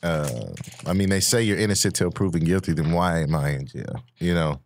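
A man's voice: deep voice, steady tone, brisk, slight background noise. A young man with a Midwestern American accent, a guest on a casual studio podcast, telling his story in a laid-back way with laughs and restarts. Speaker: guest rapper. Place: small studio with dark backdrop. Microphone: studio mic with headphones.

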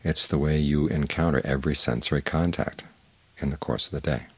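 An older man, a Buddhist monk, giving a calm, measured evening Dhamma talk with unhurried pauses and a husky voice. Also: extremely low pitch, dry recording.

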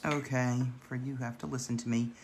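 A man with a gravelly voice, chatting and counting aloud as he demonstrates a painting craft. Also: mid-range voice, measured pace, bright, forceful tone. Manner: chatty, counts dots aloud while working. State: gravelly voice today. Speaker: craft instructor.

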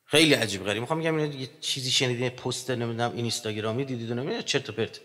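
Lively male lecturer in a reverberant hall. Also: medium pitch. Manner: animated, joking, swings between loud and quiet. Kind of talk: religious lecture.

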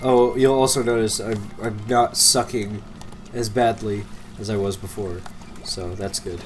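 A congested young man with a cold rambles and laughs often while commenting on his game in a let's play, sometimes trailing off. His lowish voice is unhurried with fairly even intonation, and faint music plays behind him.

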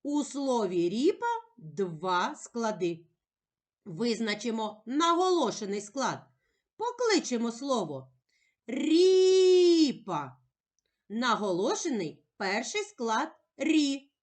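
A woman teacher giving a slow, clear reading lesson to young children, stretching out the sounds in a sing-song way. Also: fairly high pitch, big pitch swings. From Ukraine.

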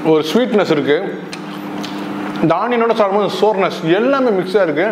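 A man's voice: high-pitched, expressive, racing, reverberant, noisy background. An enthusiastic male food reviewer with a Tamil accent, talking with his mouth full as he tastes a dish. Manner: enthusiastic, mixes English into Tamil.

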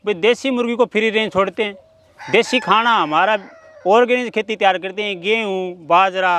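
Standing among his chickens, a middle-aged man who raises poultry explains his job in an outdoor interview, earnest and methodical. He talks at a normal speed in a high, fairly bright voice. A handheld microphone held at mid distance picks up the clucking and crowing of the birds behind him.

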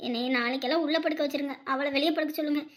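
A woman's voice: sits high, steady tone, rapid-fire, natural voice. A woman playing a complaining, scheming middle-aged mother-in-law in a family drama. She has a Tamil Nadu accent and moans as she talks. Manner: whiny, moaning complaints.

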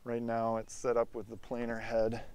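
A man's voice: mid-range voice, monotone, moderate pace, background noise. A man giving a casual, plain-spoken walk-through tour of his sawmill as its owner. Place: outdoors around a sawmill yard, later inside a large former riding arena.

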